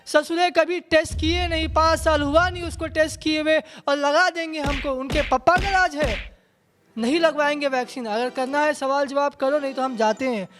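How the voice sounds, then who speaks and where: A woman playing a stubborn, loud village man who argues as a quiz-show contestant in a comedy skit. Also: high-pitched, quick pace, hardly any pauses, faint music behind. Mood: defiant. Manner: brash, argumentative, rustic dialect.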